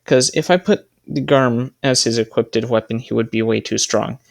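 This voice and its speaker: A man's voice: mid-range voice, fairly even intonation, moderate pace, gravelly. A man giving casual gameplay commentary, thinking aloud as he sets up a team and correcting himself as he goes. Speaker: gaming video creator.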